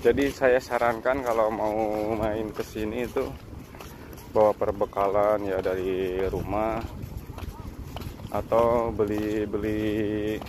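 An Indonesian travel vlogger chats casually while walking along a seaside walkway, holding his phone and guiding viewers along. His voice is fairly low, with background noise present.

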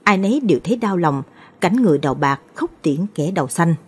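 A woman storyteller reading a ghost story in scripted narration with a steady, measured delivery. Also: lowish voice, slightly rough.

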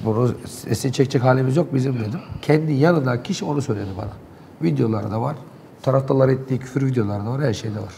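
A man's voice: mid-range voice, very fast, creaky, warm tone, slight background noise. A man in a local TV studio, animatedly and indignantly recounting events in heated talk.

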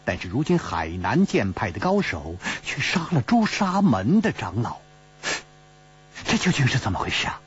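A man's voice: medium pitch, very animated, normal speed, husky. A male storyteller voicing a teasing, worried young woman companion who chides and sighs, in a traditional storytelling audiobook. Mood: puzzled. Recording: slightly dull recording with faint hum.

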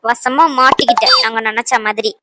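A woman's voice: on the high side, steady tone, a little fast, heavy background noise, close to an everyday voice. A woman voicing a tough, scornful young wife in a cartoon, mocking and bossy. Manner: mocking, contemptuous.

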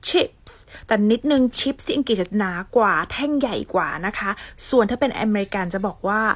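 A woman's voice: mid-range voice, husky, dry recording. A Thai woman with a Northeastern Isan accent teaching English vocabulary in a casual, chatty way, saying each English word twice.

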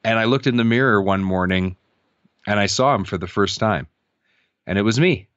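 A man's voice: on the low side, normal speed, a bit bright, no echo, dull audio. A man in his thirties answering interview questions in an earnest, reflective way, often restarting his sentences. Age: 30s. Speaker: podcast guest.

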